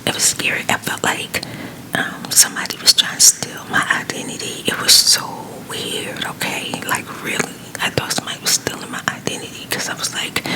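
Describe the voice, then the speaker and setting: A woman telling a rambling, conversational personal story in a hushed, breathy ASMR whisper, quiet as if at night. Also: poor audio.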